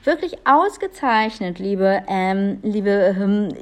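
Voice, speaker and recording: A woman's voice: medium pitch, lively intonation, takes it slowly. A woman voicing a kindly, forgetful old king in a storybook reading, fussing and hesitating. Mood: fussy. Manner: fussy, absent-minded, hesitating.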